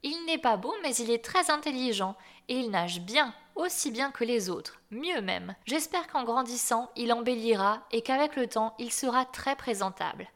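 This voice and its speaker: A woman's voice: fairly high pitch, lively intonation, moderate pace, few pauses, a bit bright. A woman voicing a fussy, devoted mother duck in a storybook reading, chattering and protective. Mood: pleading.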